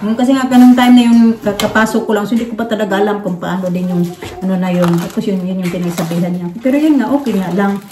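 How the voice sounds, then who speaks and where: A woman's voice: medium pitch, fast, recorded from a distance. A woman from the Philippines chatting casually to her viewers, rambling with many fillers and restarts. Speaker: vlogger. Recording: roomy, from off the mic, faint noise.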